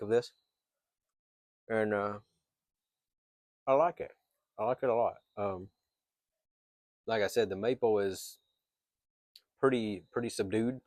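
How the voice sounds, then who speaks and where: A man giving a casual, unscripted product review as a reviewer, pausing mid-thought and thinking aloud. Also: fairly low pitch, darkish tone, no room sound. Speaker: pipe tobacco reviewer.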